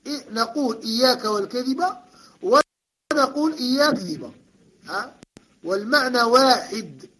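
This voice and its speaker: A male teacher leads a classroom grammar lesson, with a voice pitched fairly high for a man. His tone is bright and forward, and he repeats each student's answer, corrects it and moves on with brief approval. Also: lively intonation, a little slow, long pauses, poor audio.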